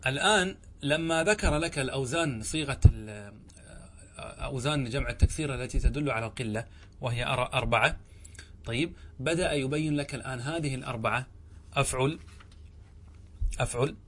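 A man with a somewhat high, husky voice gives a grammar lecture. He explains each rule patiently, slows down to read the verse, and keeps checking that his students follow. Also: fairly bright tone. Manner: checks understanding with frequent questions to students; reads the verse slowly, then explains it. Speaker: teacher of Arabic grammar.

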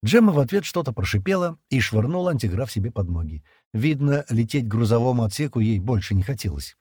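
Male audiobook narrator with a husky voice, expressive delivery and a dry, close sound. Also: medium pitch, quick pace, no echo. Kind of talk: scripted narration.

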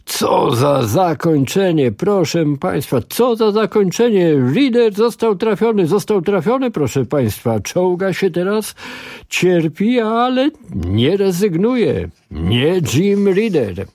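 A man voicing an excitable TV game show host commentating live, breathless and gushing. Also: high voice, slow pace, no room sound, clean studio sound, voice pushed up, heavily acted. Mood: thrilled.

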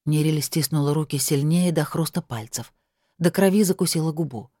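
A woman narrates a fantasy audiobook with a low, dark, mellow voice. Her delivery is steady and even, recorded dry and close with no room sound. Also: normal speed, no room sound.

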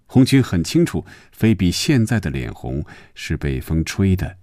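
A man with a very deep, dark, mellow voice reads a story aloud at a measured pace. His delivery is expressive and swings widely in pitch, and the sound is dry and close, as in a broadcast storybook reading. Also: no room sound. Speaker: narrator.

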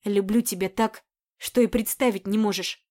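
A woman voicing a passionate young man in a romance audiobook, speaking in a hushed, slightly husky tone. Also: mid-range voice, steady tone, moderate pace, natural voice. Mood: tender. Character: passionate tender young man, hoarse-voiced lover.

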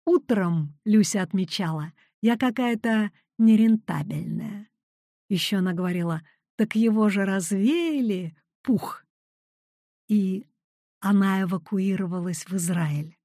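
A woman reads her own short anecdotes in a wry storytelling manner, slipping in bits of quoted dialogue. Her pitch sits in the middle range, and the recording is dry and close with no room echo. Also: unhurried, dark tone. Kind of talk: literary reading.

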